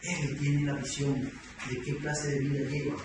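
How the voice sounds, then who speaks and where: A preacher teaching doctrine delivers a sermon in a high-leaning voice, flat and a little slow, yet emphatic and full of rhetorical questions. He's recorded from a distance in a large church hall with strong echo and constant background noise.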